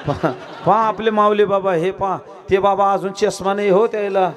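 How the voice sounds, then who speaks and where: High-voiced Marathi kirtan preacher, joking live. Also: male voice, steady tone, normal speed. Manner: joking, quizzing the crowd, breaks into song. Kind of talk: comic devotional kirtan with audience. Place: live stage before a crowd. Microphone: stage microphone. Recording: live crowd and accompanying music. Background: crowd laughter and music.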